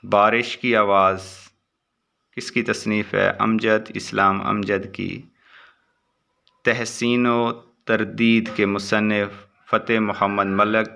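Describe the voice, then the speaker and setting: A man reading short exam answers aloud as a teacher, in a steady recitation with brief asides. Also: on the low side, gravelly.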